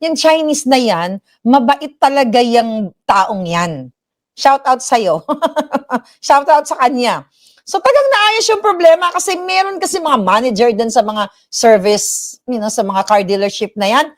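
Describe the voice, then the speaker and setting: A woman's voice: fairly high pitch, lively intonation, a little slow. A middle-aged woman from the Philippines, living in the United States, hosts a casual livestream and chats animatedly in Tagalog mixed with English, acting out the voices she quotes. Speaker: livestream commentary host. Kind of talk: casual chatty storytelling.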